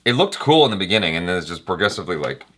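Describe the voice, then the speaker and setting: Teasing man reaction co-host, low voice, bright and lively. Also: very fast. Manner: teasing, laughs often. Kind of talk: casual reaction chat.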